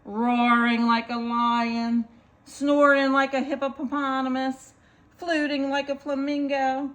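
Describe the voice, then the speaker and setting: The recording is low quality: a woman with a high, bright-ish voice that barely moves in pitch reads a picture book aloud to young children. A story time reader, she goes slowly and deliberately, repeats phrases in a singsong way and turns to the kids with simple asides.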